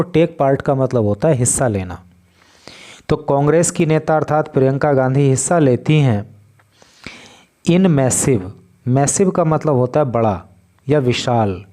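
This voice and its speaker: Speaking in Hindi, this man from India has a mid-range, dark voice. He patiently breaks down English newspaper vocabulary, taking it slowly, word by word.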